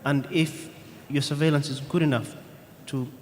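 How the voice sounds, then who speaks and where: A man on a conference panel answering audience questions in a measured, thoughtful way, pausing with "um" between points. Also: on the high side, fairly even intonation. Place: conference hall. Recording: reverberant conference hall, faint room noise.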